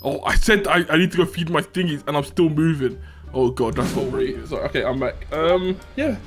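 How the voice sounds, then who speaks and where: A man with a somewhat high voice chats over a headset while gaming. He plays pranks on his teammate, keeps a mock-serious tone and often breaks into laughter. Faint music plays behind him. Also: a little fast. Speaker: gaming video host. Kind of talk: playful gaming chat with pranks.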